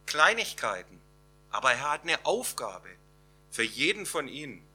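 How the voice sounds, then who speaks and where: Slow, bright-voiced German preacher. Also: male voice, mid-range voice, big pitch swings, breathy edge. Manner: slow emphatic preaching with dramatic pauses. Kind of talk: sermon.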